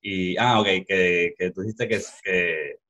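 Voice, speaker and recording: This young podcast host from Puerto Rico has a low voice, speaks slowly, and has a sharp tone. Speaking with a Puerto Rican Spanish accent, he conducts a casual video-call interview from a small room at home using a headset with studio mic, rambling and restarting often. Audio quality is dull and lo-fi.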